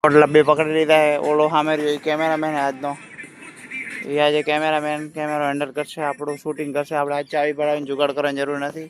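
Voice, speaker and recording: His voice is on the high side and monotone, and he talks quickly over slight background noise. The young man is vlogging on a riverfront walk, chatting, teasing a friend, and addressing viewers, while that friend holds the phone.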